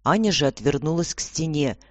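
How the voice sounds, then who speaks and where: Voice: mid-range voice, lively intonation, fairly quick, dry recording. Storybook narrator, dry close sound.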